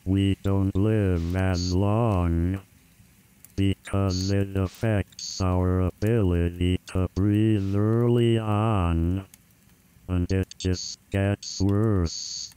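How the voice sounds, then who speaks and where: A man reading a scripted personal essay in measured, deliberate phrases with pauses. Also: deep voice, steady tone, warm tone, clean tone, rough recording.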